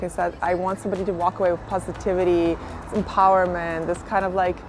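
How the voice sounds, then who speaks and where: A woman's voice: medium pitch, darkish tone. A woman from Kazakhstan, an artist, talking reflectively about her work in an interview, with many "sort of" and "like" fillers. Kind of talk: interview monologue.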